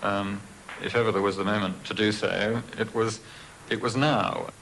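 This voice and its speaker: Former official, man, very deep and gravelly, flat delivery, faint hiss. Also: normal speed, poor audio. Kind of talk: interview recollection.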